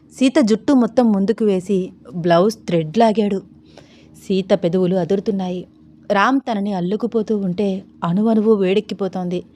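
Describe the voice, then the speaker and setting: A woman storyteller reads a romantic audio story in a soft, intimate voice. Her pitch sits in the middle of the range for a woman, and she tells it as a steady narration.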